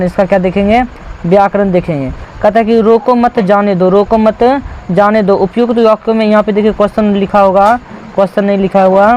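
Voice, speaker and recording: A man's voice: high voice, a little mellow, slight background noise, rough recording. A man from India teaching a textbook lesson, repeating key words and asking the class rhetorical questions.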